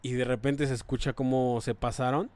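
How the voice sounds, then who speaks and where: A man's voice: mid-range voice, little pitch movement, fairly quick, a little mellow, no room sound. A young man with a Mexican accent, co-hosting a casual comedic chat, swearing freely and acting out the people in his stories. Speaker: podcast co-host.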